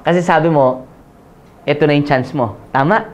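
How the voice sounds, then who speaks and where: A man's voice: a little high, moderate pace. A man from the Philippines in his forties, telling his own story in a motivational sales presentation, often checking with the audience and slipping in jokes. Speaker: business presenter. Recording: dull lo-fi audio.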